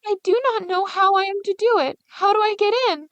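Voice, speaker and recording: A woman's voice: very high voice, a little fast, a bit bright, no echo, dull audio, voice pushed up. A woman voicing a scared but brave little girl in a storybook reading, with a pleading, breathless manner.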